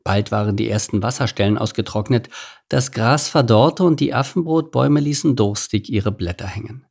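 A man narrating a children's animal story in a calm, measured storytelling manner. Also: lowish voice, vocal fry. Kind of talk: scripted audiobook narration.

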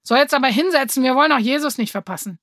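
A woman voicing a loud, eager young man who calls out to everyone. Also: medium pitch, animated, takes it slowly, dry recording. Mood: hurried. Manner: calls out loudly, bossy.

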